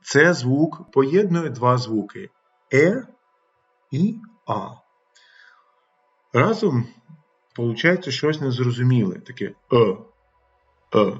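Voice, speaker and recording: A man's voice: medium pitch, big pitch swings, slow pace, long pauses, husky, highs cut off, soft background music. A middle-aged man teaching English pronunciation, demonstrating and repeating vowel sounds aloud. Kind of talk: pronunciation lesson.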